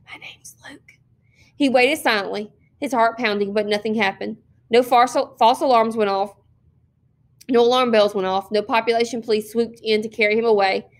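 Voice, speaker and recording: A woman teacher reading a novel aloud, with steady, expressive narration and small slips. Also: fairly high pitch, normal speed. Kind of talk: read-aloud storytelling.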